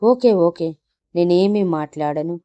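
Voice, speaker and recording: A woman voicing a remorseful young man who pleads softly and soothingly in a storybook audio drama. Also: lowish voice, lively intonation, a little slow, lo-fi sound.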